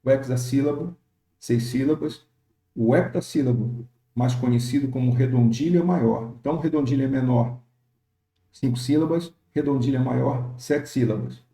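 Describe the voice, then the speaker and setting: A man with a very dark, mellow voice teaches a recorded lesson. He explains step by step with many pauses and fillers, reading examples slowly. The sound bounces around an echoey room. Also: medium pitch. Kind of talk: recorded lecture on poetic meter.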